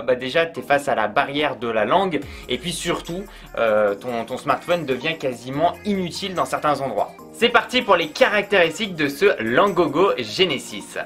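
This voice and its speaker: A man with a slightly high, fairly bright voice reviews a product casually. He's chatty, uses lots of fillers and speaks directly and informally to the viewer.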